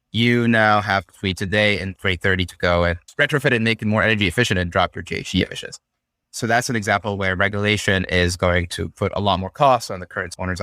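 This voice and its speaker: A young man from Syria, a podcast guest, talking through ideas in a relaxed, thoughtful way with frequent fillers. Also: fairly low pitch, no room sound, studio quality. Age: young adult. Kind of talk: casual conversational interview.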